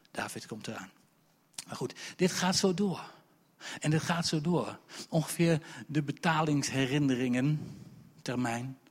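A man preaching a sermon, telling the story in a lively, colloquial way. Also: medium pitch, slightly rough, in a large hall. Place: church.

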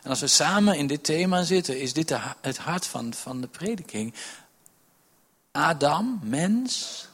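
A middle-aged man preaching a sermon in a church. He speaks emphatically, piles up repeated questions and drops to a hush to stress a point. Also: fairly high pitch, lively intonation, fairly quick, few pauses, slightly rough. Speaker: pastor. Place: church service with listeners present.

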